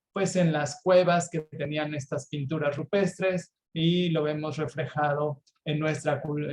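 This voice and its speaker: Slow-talking Mexican man lecturing online. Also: on the high side, slight background noise. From Puerto Vallarta, Mexico. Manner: slow, unhurried explaining with frequent fillers and check-ins. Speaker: herbal medicine webinar presenter. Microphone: video call.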